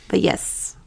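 A woman, chatting earnestly as a pastor's wife on a podcast and getting emotional at times. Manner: warm, earnest, gets emotional. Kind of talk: casual chat.

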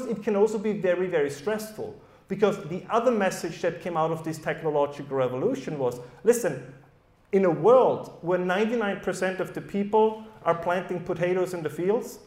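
A man's voice: high voice, darkish tone. A man with a German accent speaking on a live panel to an audience, conversational and often checking in with "right?". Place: event hall at a summer school. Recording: echoey hall.

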